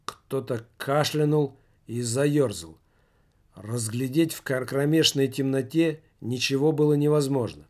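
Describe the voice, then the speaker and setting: A man narrating an audiobook in a measured, unhurried storytelling manner. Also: mid-range voice, darkish tone. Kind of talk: scripted narration.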